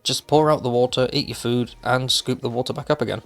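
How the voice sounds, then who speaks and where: A man narrating a scripted top ten countdown style video of game tips, explaining each item clearly with casual asides. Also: medium pitch, fairly even intonation, fairly quick. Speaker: gaming video host. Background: music.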